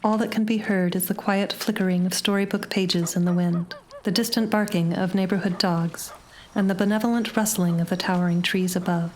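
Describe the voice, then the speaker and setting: A woman reading a short story aloud in a measured, dramatic narration. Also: mid-range voice, fairly even intonation, a little mellow, a little hiss or hum. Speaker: audiobook narrator.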